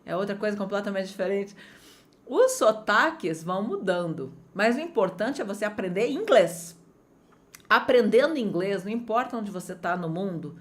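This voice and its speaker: An energetic, chatty woman from Brazil teaches English over the internet. Her pitch swings broadly as she speaks directly to her students.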